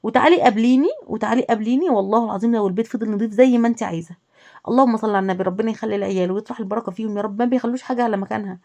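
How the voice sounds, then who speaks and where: Rapid-talking Egyptian woman vlogger. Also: medium pitch, fairly even intonation, mellow. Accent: Egyptian Arabic. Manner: talks directly to the listener, listing and repeating points. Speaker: home lifestyle vlogger. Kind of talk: casual advice chat to women viewers.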